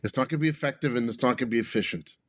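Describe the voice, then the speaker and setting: A man's voice: medium pitch, rapid-fire. A man co-hosts a business podcast and explains his ideas in an emphatic, conversational way, checking in with "right?" His voice sits in the middle range. The sound is dry and close, with no room reverb. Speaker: podcast co-host, consultant.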